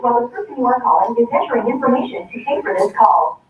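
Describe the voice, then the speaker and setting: Automated payphone collect-call voice, flat recorded prompt; heard from far off in a very echoey room, muffled. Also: mid-range voice, fast talker, heavy background noise. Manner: flat recorded announcement, reading fees and options. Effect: payphone collect-call recording played over courtroom speakers. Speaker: automated jail phone system prompt. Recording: distant, echoey, muffled phone-call playback in a courtroom.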